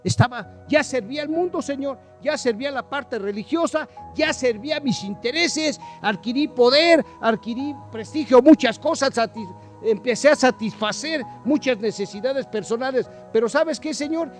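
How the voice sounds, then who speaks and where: A man's voice: very high-pitched, moderate pace, faint music behind. A man preaching a sermon, reading Bible passages aloud and putting direct questions to the listener. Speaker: pastor.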